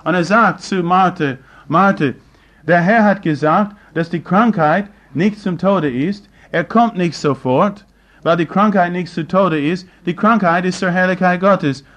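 Male preacher, high-pitched and slow-paced; rhetorical, dynamic sermon delivery with slightly broken grammar. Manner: rhetorical questions to the congregation, swinging between loud and hushed.

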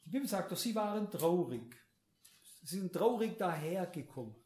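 A man's voice: high voice, animated, moderate pace, dark tone. A man preaching a sermon with emphasis, speaking straight to his listeners and often repeating words. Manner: emphatic, addresses the audience directly, repeats words. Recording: roomy echo.

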